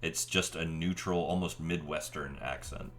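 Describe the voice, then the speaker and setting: A man narrating as game master of a tabletop game, describing scenes slowly and chuckling often. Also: a bass voice, fairly even intonation, over music.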